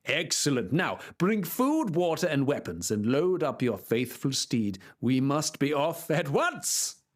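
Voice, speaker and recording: A man's voice: a little high, very animated, a little slow. A man voicing Don Quixote, a deluded, grandiose old knight, speaking in a formal, theatrical way. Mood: solemn. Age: older.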